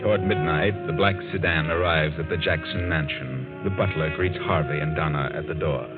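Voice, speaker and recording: A man playing a mysterious, ominous narrator of a 1940s radio mystery, telling the tale slowly and deliberately. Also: rumbling low, fairly even intonation. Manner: slow, deliberate, ominous storytelling. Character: the Whistler, ominous mysterious all-knowing narrator of shadows. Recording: muffled tinny 1940s radio recording, music behind. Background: loud music.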